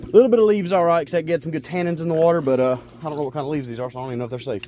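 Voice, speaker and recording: This is a casual outdoor pet vlog in which a breathless man races through his words in a high-leaning, fairly even voice, chatting about each task as he looks after backyard fish ponds. The vlogger is partly drowned by loud hip hop backing music, and a little hiss or hum runs underneath.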